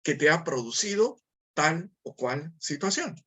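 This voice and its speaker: A Peruvian man speaks at a formative meeting, teaching through repetition and rhetorical questions. His voice is husky, and his pitch rises and falls in a lively way. He often slows down to stress a point. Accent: Peruvian Spanish. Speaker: lecturer. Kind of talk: formative lecture.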